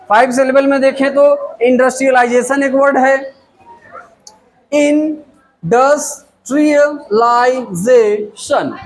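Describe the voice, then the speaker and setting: A man teaching a language lesson, stretching out each example word slowly and repeating it for pronunciation. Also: very high voice, rough recording. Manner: slow, drawn-out word-by-word pronunciation drills. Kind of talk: spoken English lesson.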